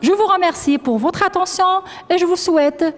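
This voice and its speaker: A woman teacher giving a dictation to young pupils, slowly repeating each word and syllable. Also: very high-pitched, long reverb tail. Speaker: primary school teacher. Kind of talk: classroom dictation lesson.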